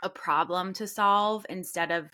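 Woman therapist, co-host, lower pitch, reflective, filler-heavy chat. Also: measured pace, pushed and bright. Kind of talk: casual podcast chat.

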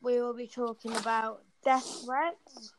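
High-voiced woman in casual banter. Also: little pitch movement, slow, slight background noise. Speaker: podcast co-host. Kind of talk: casual chat.

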